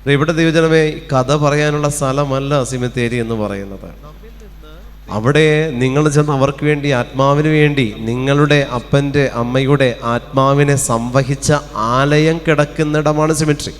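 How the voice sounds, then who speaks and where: Fervent Malayalam preacher in a hall. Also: male voice, mid-range voice, moderate pace. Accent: Keralite Malayalam. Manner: fervent, calls out hallelujahs, rhetorical questions. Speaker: retreat preacher. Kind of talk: sermon. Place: retreat centre hall. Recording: long hall reverb.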